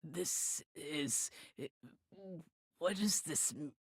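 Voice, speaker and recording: Big solemn strong girl, anime game, deep, slow, grave, honourable, music behind. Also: exaggerated voice. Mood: shaken. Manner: grave, deliberate. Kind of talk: dubbed anime game acting.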